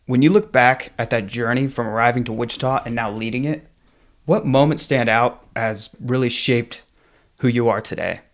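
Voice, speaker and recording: A man's voice: mid-range voice, fairly even intonation, moderate pace. A man hosting a podcast, introducing the episode and asking direct, opinionated questions. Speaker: podcast host. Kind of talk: podcast interview.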